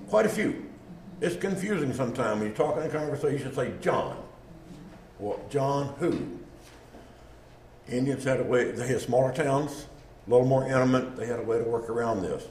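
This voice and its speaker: Speaking quickly at a medium pitch, with lively intonation and a slightly mellow tone, a man lectures informally on genealogy and naming. He keeps it conversational and acts out small exchanges, and the room echoes over faint background noise.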